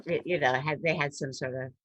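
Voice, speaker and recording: A woman in her fifties, an actress being interviewed over a video call, telling rambling, animated stories from her career and often breaking off mid-sentence. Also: deep voice, brisk, dry recording. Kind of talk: casual storytelling interview.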